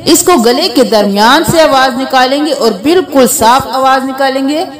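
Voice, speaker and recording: A woman teaching a slow Quran reading lesson, explaining each letter patiently and drawing out the letter sounds for learners to repeat. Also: sits high. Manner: patient step-by-step instruction.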